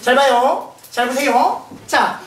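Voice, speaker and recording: A woman's voice: high-pitched, slow. A woman with a Gyeongsang Korean accent teaching a math lecture, playful and often laughing as she questions the class. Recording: roomy, distant mic, noisy.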